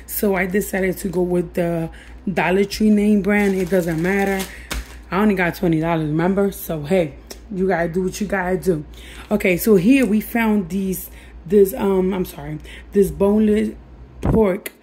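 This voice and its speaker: A woman with a raspy, hoarse voice that is giving out, chatting casually and encouragingly to viewers as a budget cooking vlogger. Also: mid-range voice, normal speed, dark tone, slight background noise. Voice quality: raspy, husky, breaking voice. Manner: addresses viewers familiarly, encouraging. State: losing her voice, hoarse. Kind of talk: casual chat to viewers over cooking demonstration. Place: home kitchen.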